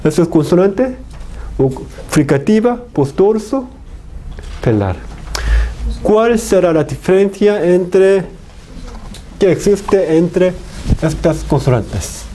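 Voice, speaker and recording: A man giving a phonetics lecture, slowly repeating example words over and over. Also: sits high, animated, mellow, a little hiss or hum. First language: Korean. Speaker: university lecturer.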